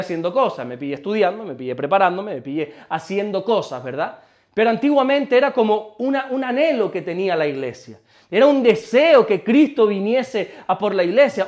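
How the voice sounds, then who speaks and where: A pastor preaches in a high, emphatic voice. He fires questions at the congregation and repeats words as he pushes his point. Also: darkish tone. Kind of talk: sermon.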